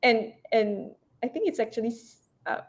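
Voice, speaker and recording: A woman's voice: fairly high pitch, normal speed. A woman chef chatting as an interview guest, rambling with lots of fillers and restarts, breaking into laughter. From Asia, Cantonese-speaking region. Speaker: raw food chef and cookbook author, guest. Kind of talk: casual interview chat.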